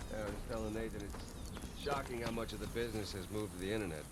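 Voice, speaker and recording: Man acting as chatty adventurer, loud engine behind. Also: fairly low pitch, fast talker, natural voice. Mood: friendly, chatty. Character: chatty, slightly nervous male adventurer riding along. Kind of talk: naturalistic video game voice acting. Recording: loud motor vehicle noise behind voice.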